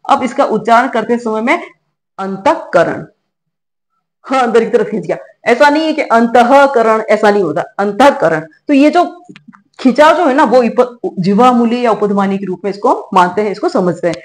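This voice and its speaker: A woman's voice: fairly high pitch, a little fast. A middle-aged woman teaching a grammar lesson, explaining step by step and checking in often with her students. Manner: patient, explanatory, checks in with "ठीक है" and "है ना". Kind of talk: classroom-style grammar lesson.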